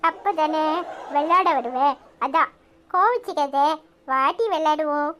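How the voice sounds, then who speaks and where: A woman's voice: sits high, expressive, takes it slowly, fairly bright tone, a little hiss or hum, heavily acted. A woman voicing a bossy, sulky little village girl in a cartoon, with a Tirunelveli Tamil accent. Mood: complaining. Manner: coaxing, complaining. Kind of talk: cartoon voice acting.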